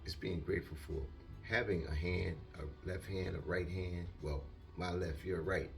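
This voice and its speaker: A man's voice: deep voice, normal speed, creaky, soft background music. An older retired man telling a long casual story in a rambling way, acting out what people said. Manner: rambling, animated, acts out quotes.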